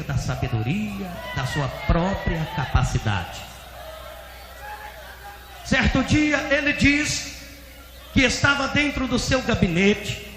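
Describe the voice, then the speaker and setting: A Brazilian man, a pastor, telling a story in a sermon with dramatic delivery that rises to shouts. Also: on the high side, background noise. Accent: Brazilian Portuguese. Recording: echoey hall with long reverb.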